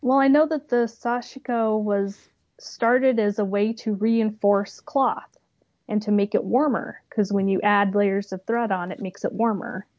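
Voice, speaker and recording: A woman's voice: medium pitch, fairly even intonation, a little slow, darkish tone, no echo. A woman talks casually about her stitching projects in a rambling, friendly flow, her sentences often drifting off unfinished. The sound is a little dull and lo-fi, and very dry, with no room behind her. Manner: chatty, rambling, trails off with "so". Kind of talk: casual chat.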